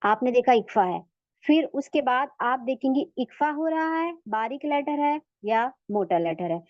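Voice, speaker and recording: A woman with a fairly high voice teaches a recitation lesson to women, patient and step-by-step, stretching sample words out slowly to show how they sound. The recording is dull and lo-fi, with a dry sound close to the mic. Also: lively intonation, no room sound. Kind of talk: online tajweed lesson for women.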